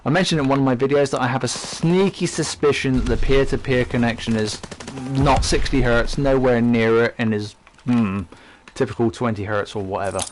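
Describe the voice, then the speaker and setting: A man's voice: medium pitch, steady tone, normal speed, a little hiss or hum. A man commenting casually while playing a game on a live stream, rambling and chatty with many fillers. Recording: game gunfire audible behind voice.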